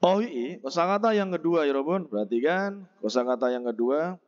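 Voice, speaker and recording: A man teaching a textbook vocabulary lesson, slowly explaining and repeating each word and its pronunciation. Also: a little high, lively intonation, muffled recording. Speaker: Korean language teacher.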